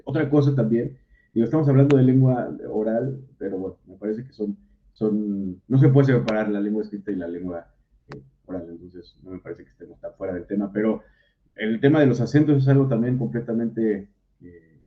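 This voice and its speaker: A man's voice: fairly low pitch, slight background noise. A Mexican man teaching an online class, talking it through with fillers and restarts. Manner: thinks aloud with many fillers and restarts. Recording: dull lo-fi audio.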